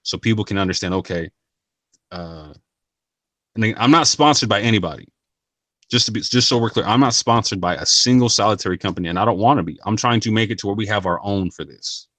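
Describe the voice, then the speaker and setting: Male vlogger, very low voice, earnest and slangy, many restarts, dry close sound. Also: brisk, a bit bright, dry recording. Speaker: channel host. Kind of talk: casual talk to camera.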